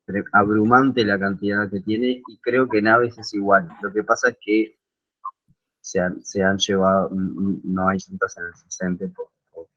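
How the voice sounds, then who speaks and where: A fairly low-voiced man answers questions on a video call and keeps pausing to search for his words. The audio sounds dull and muffled. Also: fairly bright tone. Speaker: guest landscape designer. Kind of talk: online Q&A answer.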